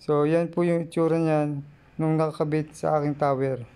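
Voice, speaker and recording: High-pitched Filipino man, casual vlogger. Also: level tone, dark tone, smooth. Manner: halting, repeats instructions politely. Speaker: vlogger and radio hobbyist. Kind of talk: casual unboxing and how-to vlog.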